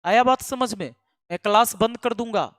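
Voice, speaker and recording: A man's voice: high-pitched, moderate pace, a bit bright, no room sound, studio quality, in a large hall. A man who teaches math online, speaking to his students in an emphatic, scolding way and repeating lines for force. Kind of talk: impassioned address to students.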